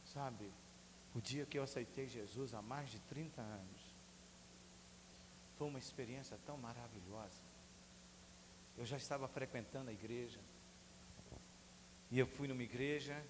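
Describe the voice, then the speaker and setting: Earnest Brazilian pastor in an echoey hall. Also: male voice, medium pitch. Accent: Brazilian Portuguese. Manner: earnest testimony-style preaching. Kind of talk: sermon. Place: church sanctuary. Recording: echoey church hall with faint hum.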